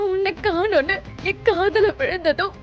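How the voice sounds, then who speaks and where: An actress playing an apologetic, tearful young daughter in a TV serial. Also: female voice, very high voice, unhurried, highs cut off. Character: remorseful young woman, worried daughter. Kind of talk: Tamil TV serial acting. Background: soap opera music score.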